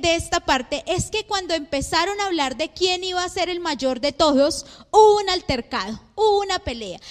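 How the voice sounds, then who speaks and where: A woman's voice: very high-pitched, fairly bright tone. A woman in her thirties preaching a sermon, full of rhetorical questions to the congregation. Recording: long hall reverb.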